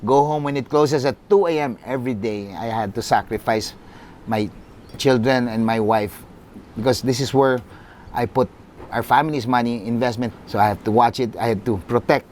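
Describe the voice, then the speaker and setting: Middle-aged Filipino-accented club executive, earnest storyteller, even pitch, light noise floor. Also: male voice, normal speed. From Philippines. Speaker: football club CEO. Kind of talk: personal storytelling.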